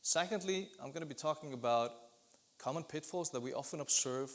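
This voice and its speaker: A man's voice: a little high, brisk. Man giving a conference talk. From Iceland. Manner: steady explanatory delivery with occasional restarts. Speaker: business development lead presenting at an industry event. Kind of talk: conference presentation.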